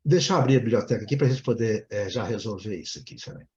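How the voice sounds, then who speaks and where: A man's voice: fairly low pitch, rapid-fire, darkish tone, lo-fi sound. Chatty Brazilian man teaching English. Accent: Brazilian Portuguese. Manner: chatty, ends nearly every phrase with "né?". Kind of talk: online class, explaining a lesson.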